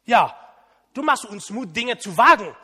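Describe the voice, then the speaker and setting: A man's voice: very high-pitched, very animated, a little slow, pushed and bright, slightly rough, in a large hall, full character voice. A man voicing a skeptical churchgoer who lectures with doubting objections.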